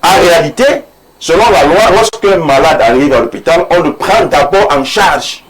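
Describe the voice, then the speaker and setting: A man's voice: a little high, lively intonation, normal speed, a crowd in the background, poor audio. A man, an imam speaking earnestly and preachily in a studio debate, repeating phrases for emphasis. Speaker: imam, panel guest.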